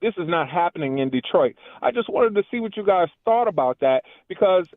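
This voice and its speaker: Speaking a little fast and animated, a high-voiced caller reaches a talk-radio show over a muffled, underwater-like line with no room sound. He earnestly pieces his point together through restarts.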